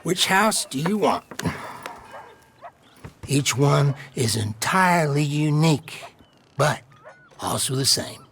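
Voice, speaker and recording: An actor playing a jokey, smooth-talking house salesman in a video game. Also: fairly high pitch, animated, slow, long pauses, fairly bright tone, slight background noise, exaggerated voice. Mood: salesy.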